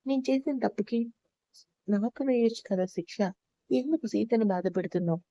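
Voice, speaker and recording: A woman's voice: on the high side, a little fast, mellow, no echo, close to an everyday voice. A woman reading an anguished young man. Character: young man, anguished cousin and former lover. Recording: dull lo-fi recording.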